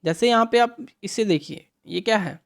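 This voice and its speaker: Her voice is mid-range and creaky as she takes schoolchildren through an English revision lesson, mixing Hindi with English. She reads the English lines slowly and answers the questions she asks.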